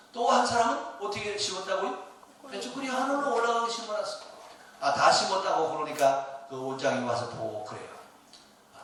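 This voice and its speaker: A man's voice: medium pitch, fairly bright tone, slight background noise. A middle-aged male pastor preaching a sermon in a church, telling a story and asking the congregation rhetorical questions. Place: church sanctuary. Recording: echoey church from far off.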